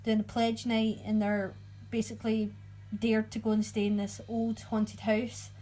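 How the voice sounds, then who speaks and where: A chatty woman co-hosts a casual chat, her voice a little high and slightly breathy. She keeps talking and often hunts for the right word. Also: level tone, measured pace, dark tone, poor audio. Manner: chatty, laughs often, loses her words. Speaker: podcast co-host. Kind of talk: casual chat about horror movies.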